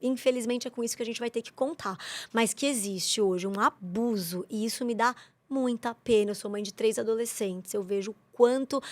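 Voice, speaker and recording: A woman, a guest explaining the children's market in a persuasive, animated way. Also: medium pitch, dry recording. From Brazil. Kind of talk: interview conversation.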